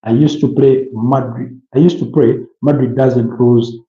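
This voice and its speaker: A man's voice: medium pitch, steady tone, a little slow. Rambling man talking football, echoey. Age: early 30s. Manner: rambling, many fillers and restarts, lists player names. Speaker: football pundit. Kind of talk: casual football talk show chat. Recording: roomy, dull lo-fi sound.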